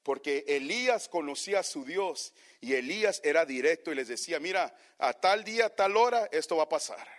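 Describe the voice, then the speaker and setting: Man, preacher, high voice, sermon, calls listeners brothers, shifts from quiet asides to shouting. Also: expressive, fairly quick, hardly any pauses. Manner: rises from low asides to loud shouting; addresses congregation as brothers.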